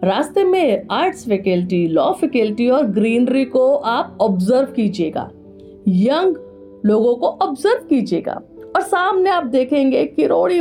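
A woman reads scripted narration in a lyrical, folksy way. Her voice is mellow and dark, never bright. Faint instrumental music plays behind her. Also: a little high.

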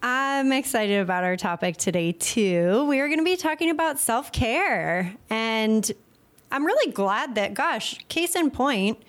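A woman's voice: a little high, lively intonation, a little slow. Rambling, friendly woman podcast co-host. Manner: warm-hearted, rambling, laughs often. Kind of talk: casual chat.

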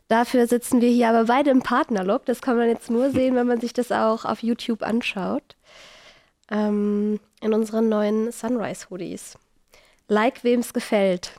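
A woman's voice: on the high side, steady tone, moderate pace, darkish tone, no echo, clean studio sound. A woman with an Austrian accent and a nasal, congested voice, hosting a casual podcast. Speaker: podcast host.

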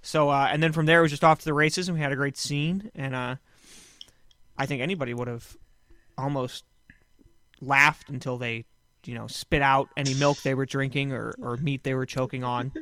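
A man hosting a podcast from a couch, chatting casually with rambling, deadpan jokes. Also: mid-range voice, moderate pace, no echo. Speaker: podcast host. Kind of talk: casual chat. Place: small room on a couch.

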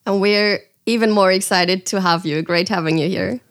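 A woman's voice: mid-range voice, normal speed, clean tone. A woman hosting a podcast, chatting in an upbeat, friendly way with occasional hesitations. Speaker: podcast host. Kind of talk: casual podcast chat.

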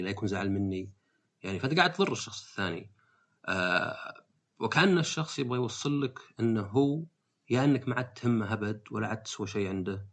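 A man's voice: on the low side, a bit bright, slightly rough. A man hosting a podcast, talking through his thoughts in a casual monologue, full of fillers and restarts. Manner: thinking aloud, frequent fillers and restarts, slips into quoted voices. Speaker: podcast host.

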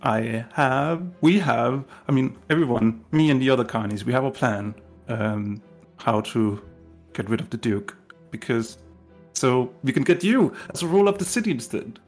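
A man's voice: mid-range voice, normal speed, faint music behind, close to an everyday voice. A man playing a coaxing disguised lady. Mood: earnest. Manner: coaxing, hesitant restarts. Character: charming shape-shifted woman posing as a noble lady.

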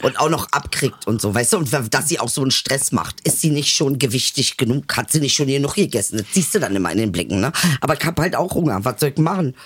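A woman co-hosting a live comedy podcast, telling an animated story with plenty of teasing. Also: extremely low pitch, quick pace, few pauses, slightly rough. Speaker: podcast co-host.

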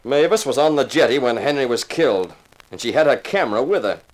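A man with a medium-pitched, expressive, natural voice speaks briskly, playing a tough, wisecracking insurance investigator narrating his own case in a 1950s radio crime drama. He sounds deliberate and firm, hard-boiled, sardonic and commanding.

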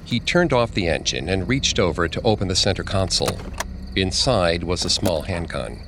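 A man narrating a scripted true-crime story in a steady, grave manner. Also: deep voice, moderate pace, noisy background. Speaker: podcast narrator.

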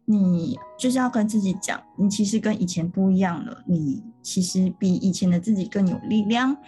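A mid-range, mellow female voice with a breathy edge talks at normal speed while faint music plays behind. She's a podcast co-host explaining ideas step by step in an earnest, casual chat.

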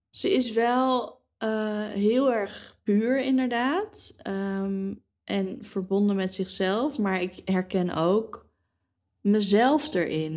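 A woman's voice: mid-range voice, a little mellow. A woman in her thirties talking in a casual conversation, reflective and hesitant, with many fillers. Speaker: guest.

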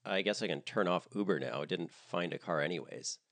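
A man voicing a bored, disdainful young man who mutters slowly. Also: deep voice, vocal fry, fairly bright tone, no echo. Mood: sulky.

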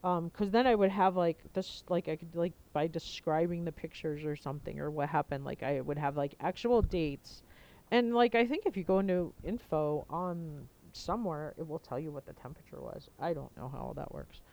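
A woman hosting a podcast, chatting casually and rambling as she thinks aloud, recorded on a low-quality headphone mic. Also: moderate pace, warm tone. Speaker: podcast host. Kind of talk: casual chat, informal podcast announcement. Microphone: headset, talking into headphones.

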